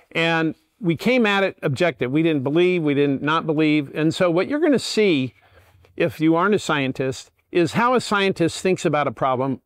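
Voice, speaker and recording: A man's voice: fairly high pitch, no room sound, studio quality. An older man giving a public lecture, explaining in a plain and methodical way. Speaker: guest lecturer.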